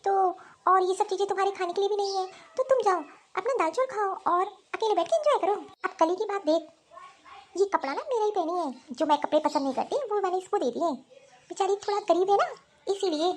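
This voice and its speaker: A woman voicing a snobbish, spoiled teenage girl who talks in a mocking, dismissive way, for an animated story. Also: very high voice, brisk. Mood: scornful.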